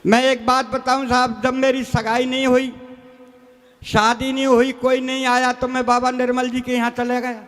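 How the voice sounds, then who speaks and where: A man's voice: extremely high pitch, monotone, moderate pace, a bit bright, slight background noise. A man telling a comic story on stage at a poetry gathering, in a folksy, chatty way, often calling the audience "sir.". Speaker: comic poet performing on stage. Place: large hall stage. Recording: reverberant hall sound.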